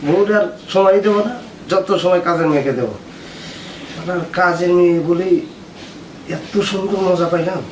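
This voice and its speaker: Man doing a cheating husband, loud denials, higher voice, roomy, faint noise. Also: moderate pace, pauses often, distant mic, close to an everyday voice. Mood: smug. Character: cheating husband denying, then begging forgiveness. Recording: echoey room, off-mic, faint noise.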